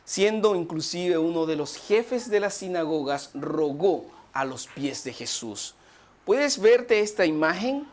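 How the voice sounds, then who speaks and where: A Chilean preacher delivering a sermon with a very lively, rising and falling voice. He sometimes surges loud and then drops to a near hush. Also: on the high side, takes it slowly. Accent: Chilean Spanish. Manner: dramatic preaching, swings from loud to hushed.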